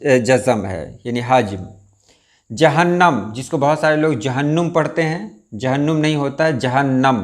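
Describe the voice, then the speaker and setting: A man teaching Urdu pronunciation, saying each word and then patiently spelling out its vowel marks. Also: medium pitch. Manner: measured, stresses each word before spelling out its diacritics. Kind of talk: slow explanatory lesson.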